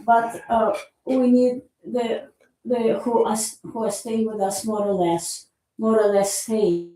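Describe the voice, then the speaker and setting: A woman from the audience asking a question haltingly, searching for words, heard far off in a hall. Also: fairly high pitch, flat delivery, dark tone. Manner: halting, searching for words, non-native phrasing. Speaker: seminar participant asking a question. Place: seminar hall. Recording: distant, very echoey hall with faint noise.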